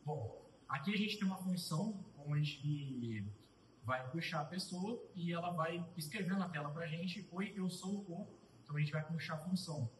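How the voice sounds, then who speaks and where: Typing as he goes, a young student explains his code in a live tutorial, his voice fairly high. His sentences stop and restart as he reasons aloud. He sounds slightly off-mic, with roomy echo and a low ambient hum around him.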